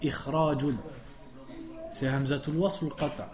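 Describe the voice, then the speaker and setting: A man's voice: fairly high pitch, flat delivery, a little slow, a crowd in the background. A man teaching a religious studies class, explaining a text patiently and stopping to ask the class questions. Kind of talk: classroom lesson, reading and explaining.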